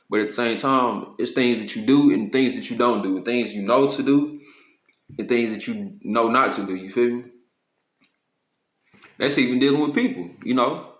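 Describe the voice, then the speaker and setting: A man preaching informally to a camera in street slang, with profanity, often asking "you know what I'm saying," and slowing down to read scripture. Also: mid-range voice, a bit bright, roomy sound. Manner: slows to read scripture aloud. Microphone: phone or camera.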